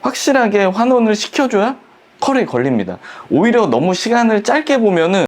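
Lively-voiced man explaining a perm technique. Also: high-pitched, a little fast. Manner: explanatory, frequent filler "이제" and "어". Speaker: hair salon director. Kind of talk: instructional demonstration.

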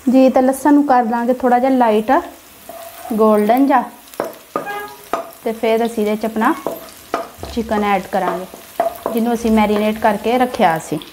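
Beside the stove in a home kitchen, a woman with a Punjabi accent guides her cooking channel viewers through a recipe one step at a time. She speaks with a fairly high pitch and steady tone at a measured pace, leaving long pauses. Frying, sizzling, and stirring sounds run through the background.

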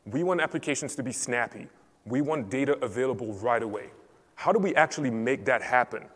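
A man's voice: mid-range voice, animated, a little fast, fairly bright tone. A man from Cameroon giving a structured technical talk on a conference stage. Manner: clear, structured presenting. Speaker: conference speaker. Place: large conference hall stage. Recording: reverberant conference hall.

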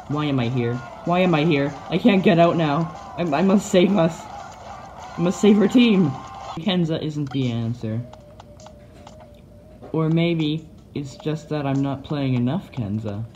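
Playful woman with a low voice, commenting on her own gameplay. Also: unhurried, muffled recording, a little hiss or hum. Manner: playful, self-mocking, bursts into excited yelps.

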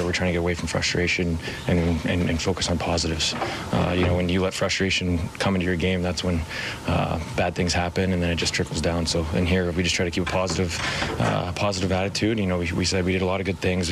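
A young man, a hockey player, giving measured postgame interview answers with many fillers in a locker room. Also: sits low, background noise. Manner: measured, repeats team clichés with many fillers. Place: locker room in front of a whiteboard.

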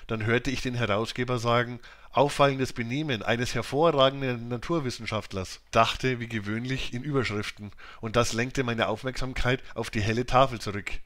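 A man's voice: medium pitch, steady tone, a little fast, hardly any pauses, fairly bright tone. Man reading a classic novel aloud. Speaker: audiobook reader. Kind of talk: literary audiobook narration.

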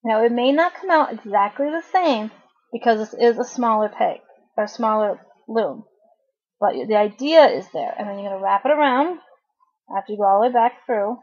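A woman's voice: a little high, lively intonation, moderate pace, a little mellow, breathy edge, dull audio. A woman hosting a casual craft tutorial, chatting informally and correcting herself as she works with her hands while a cough drop sits in her mouth.

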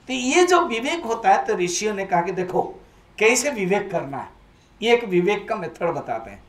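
A man's voice: high-pitched, sing-song, moderate pace, echoey room. A man, a swami, giving a spiritual discourse at a home gathering, asking his listeners questions and mixing English words into Hindi. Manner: questions and prompts the listeners to repeat after him. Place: room in a private residence.

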